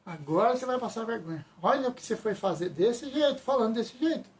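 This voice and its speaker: A man's voice: expressive, quick pace. A man putting on the scornful, mocking voice of a tempting demon that whispers shame at him. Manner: mocking, needling, higher-pitched. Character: taunting male demon voice, scornful.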